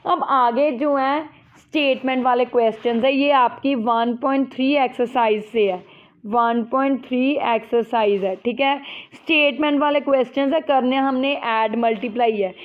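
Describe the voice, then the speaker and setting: A high-pitched woman teaches a school math class, patient and repetitive. She keeps checking that her students follow along. Her voice comes through thin and tinny, like a phone line. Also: moderate pace. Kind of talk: explaining a class 6 math lesson.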